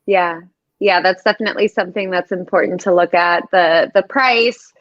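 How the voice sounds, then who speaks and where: A woman's voice: fairly low pitch, moderate pace, fairly bright tone, dry recording, lo-fi sound. A young woman hosting a live stream over a video call, upbeat and chatty with lots of fillers. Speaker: host of a student live stream.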